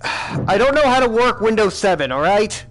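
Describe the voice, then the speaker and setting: A man's voice: high voice, sing-song, normal speed, fairly bright tone. A man playing a villain boss in a comedic gaming session, talking in a mock-stern, exasperated way. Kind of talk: comedic gaming role-play.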